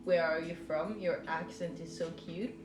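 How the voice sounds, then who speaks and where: Her voice sits on the low side with fairly even intonation and a moderate pace. The Norwegian woman crochets and talks casually with stream viewers, hesitant and playful as she rambles, with music behind a roomy echo.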